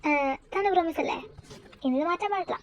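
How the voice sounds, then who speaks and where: A woman's voice: very high voice, quick pace, highs cut off, slight background noise. A woman voicing a cheerful, bossy younger sister who teases and coaxes her brother in an amateur audio drama. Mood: teasing. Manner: teasing, coaxing.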